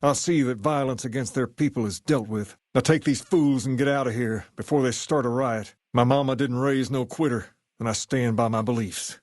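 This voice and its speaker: Man acting as folksy male gang boss, rock-and-roll idol type, Southern US accent, mid-pitched, self-assured, measured, video game character, dry sound. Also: a little mellow, no room sound, close to an everyday voice. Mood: firm, defiant.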